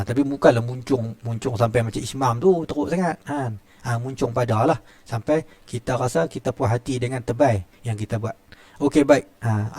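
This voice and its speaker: A man's voice: medium pitch, a little mellow, dry recording, clean studio sound. A middle-aged man with a Malaysian Malay accent teaching Quran recitation rules in a chatty classroom style, often starting lines with "ha" and demonstrating sounds. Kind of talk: classroom tajwid lesson.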